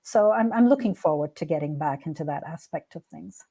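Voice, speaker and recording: Low, dark-toned and fairly quick, with lively intonation, this woman is a podcast guest who curates art and founded her own venture. A native Hindi speaker, she gives earnest, reflective answers in a conversational interview.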